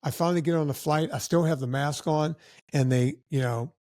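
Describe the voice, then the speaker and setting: A man tells stories on a podcast in a fairly high voice and acts out the people in them as he goes. The sound is dry and close, with no room echo. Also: fairly quick. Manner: animated anecdotes with acted-out quotes of other people. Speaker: podcast guest. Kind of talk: casual storytelling.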